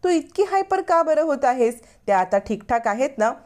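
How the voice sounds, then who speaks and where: A woman's voice: high voice, big pitch swings, normal speed, darkish tone, voice pushed up. Easygoing young man, as a woman puts him on. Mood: placating. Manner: casual, placating.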